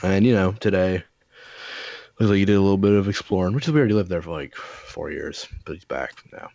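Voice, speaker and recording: A man with a very low voice tells stories in loose, rambling casual chat, full of fillers and swearing. The sound is dry and a little dull and lo-fi, with no room around it. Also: fairly quick, gravelly, darkish tone, dry recording. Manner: rambling storyteller, profane, lots of fillers.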